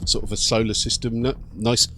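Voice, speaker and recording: A man's voice: mid-range voice, level tone, a little fast, a bit bright, slight background noise. A British man hosting a gaming channel, giving casual, slangy reaction commentary in an informal way. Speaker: YouTube gaming channel host.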